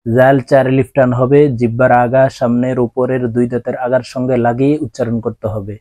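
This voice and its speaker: A man teaching Arabic letter pronunciation, with a Bangladeshi Bengali accent, explaining calmly and then drawing out each letter in long sung tones. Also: mid-range voice, no room sound. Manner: slow, drawn-out sung letter sounds between calm explanations. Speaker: Quran teacher.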